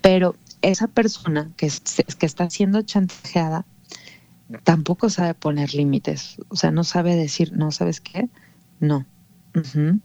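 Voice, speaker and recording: A woman's voice: sits low, steady tone, measured pace, dark tone, no echo, muffled recording. A woman, a guest who explains emotional topics patiently and often adds a questioning "no?". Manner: patient, explaining with many rhetorical "¿no?" tags. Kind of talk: explanatory conversation.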